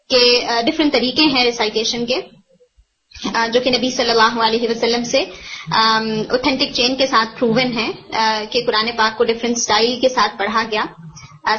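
A woman tajweed teacher explaining recitation rules in a code-mixed style and slowly chanting example phrases. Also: high-pitched, pushed and bright, highs cut off. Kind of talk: online Quran recitation lesson.

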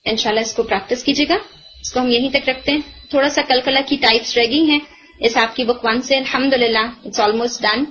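A woman teaching tajweed in a high, clear-pitched voice, mixing English terms into her explanations. She patiently demonstrates the recited words again and again. The recording sounds a little dull and lo-fi. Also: fairly even intonation, fairly bright tone. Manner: mixes Urdu with English terms. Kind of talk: online tajweed lesson.

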